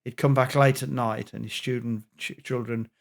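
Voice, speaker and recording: A middle-aged man, a health expert guest on a podcast, telling an animated anecdote. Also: mid-range voice, normal speed, creaky. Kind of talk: storytelling in a podcast interview.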